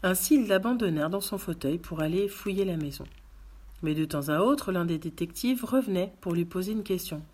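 Calm, husky woman reading a story. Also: on the low side, brisk. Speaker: reader. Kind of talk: audiobook narration.

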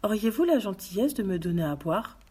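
A woman voicing a soft-spoken widow who pleads sweetly and quietly schemes. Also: medium pitch, lively intonation, fairly quick, slightly rough. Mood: gentle.

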